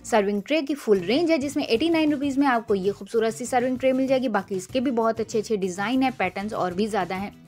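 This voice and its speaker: A woman vlogger walking through a large store, briskly listing prices in an upbeat sales-pitch manner. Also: darkish tone, soft background music. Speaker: shopping vlogger. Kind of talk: store walkthrough narration.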